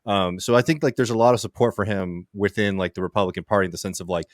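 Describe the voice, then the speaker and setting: A man's voice: lowish voice, fairly even intonation, quick pace, dry recording, studio quality. A man co-hosting a political podcast in casual chat, rambling with many fillers. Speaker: podcast co-host.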